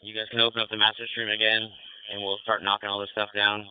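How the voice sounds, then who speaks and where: Speaking over a two-way radio at a fireground, this American fire incident commander gives polite, procedural orders in a clipped, police-radio manner. He talks quickly in a lowish voice with little pitch movement, and the audio sounds like a phone-quality radio transmission.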